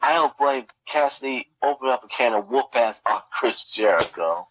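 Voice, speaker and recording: A man's voice: medium pitch, animated, normal speed, a bit bright, a little hiss or hum, poor audio. A man on a casual podcast, reacting with exclamations and laughter. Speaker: podcast co-host. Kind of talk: casual review chat.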